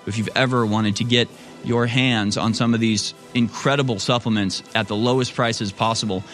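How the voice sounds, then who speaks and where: An American man, a talk show host, giving a hard-sell advertising pitch. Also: steady tone, normal speed, a bit bright, faint music behind. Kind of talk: political commentary, reading and reacting.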